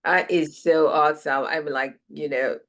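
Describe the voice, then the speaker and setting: A woman's voice: deep voice, steady tone, measured pace. Woman, interview host, casual conversational questioning.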